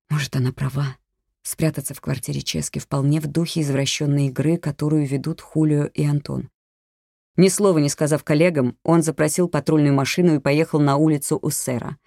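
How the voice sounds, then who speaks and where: Thriller audiobook narrator, steady, measured delivery, mellow tone, dry studio sound. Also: medium pitch, no room sound.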